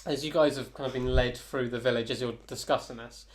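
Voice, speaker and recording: A man's voice: medium pitch, fairly even intonation, brisk. A man narrating as game master of a tabletop game, loose and chatty, often laughing.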